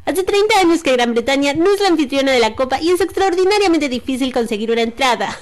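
A woman putting on a bright, salesy witch mum. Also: high voice, expressive, quick pace, a little hiss or hum. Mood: eager, cordial. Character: middle-aged mother witch writing an upbeat letter.

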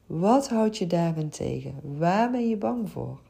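A woman's voice: lowish voice, big pitch swings, a little slow, vocal fry, warm tone. A middle-aged woman from the Netherlands hosting a podcast, talking in an earnest, open way with frequent hesitations. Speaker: podcast host and childcare coach. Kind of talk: reflective podcast monologue.

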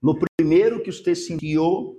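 A man interviews a church member as her pastor, restating her answers and stumbling over repeated words. His voice sits a little higher than most men's. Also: measured pace, mellow.

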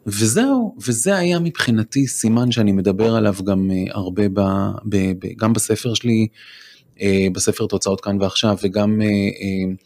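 A man in his forties, telling a personal story as a guest on a studio podcast, halting with many fillers and restarts. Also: fairly low pitch, a little mellow. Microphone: studio microphone.

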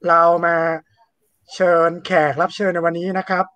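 A man's voice: high-pitched, monotone, moderate pace, sharp tone, no echo. Chatty male host with a dry, close sound. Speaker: live show host. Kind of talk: casual live-stream hosting.

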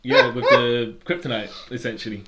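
A man's voice: mid-range voice, expressive, moderate pace, very noisy. A man co-hosting a podcast, explaining at length in casual chat with lots of restarts and fillers. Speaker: podcast co-host.

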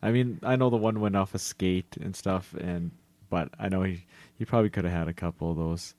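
A man with a deep voice co-hosts a sports podcast. He talks in a loose, conversational style, recorded dry without room echo. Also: steady tone, a little fast, a little mellow. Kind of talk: casual hockey chat.

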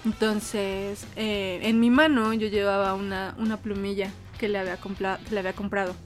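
A woman co-hosting a casual chat, telling a story with lively acted-out voices and frequent laughs. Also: medium pitch, normal speed, soft background music. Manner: animated, acts out quoted voices, laughs often. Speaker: podcast co-host.

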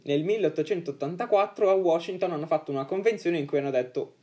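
A woman's voice: fairly low pitch, quick pace, a little mellow. A young woman, blunt and emphatic, explaining and bantering casually as a podcast co-host. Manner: blunt, foul-mouthed, emphatic.

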